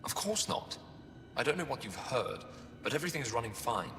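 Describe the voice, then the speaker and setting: An actor playing a guarded, anxious male supply officer in a video game, speaking in a hushed, businesslike way. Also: mid-range voice, very animated, moderate pace, long reverb tail, soft background music. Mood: worried. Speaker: requisitions officer.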